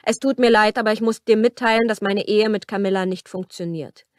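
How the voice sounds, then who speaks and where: A woman reading as a cold, brooding young man, voiced with a tense, clipped edge that pushes a little louder than her narration. The sound is dry and close, with no room around it. It is a storybook romance reading. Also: medium pitch, fairly even intonation, fairly quick, dry recording, natural voice. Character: brooding young male rancher, cold and harsh. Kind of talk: audiobook character reading.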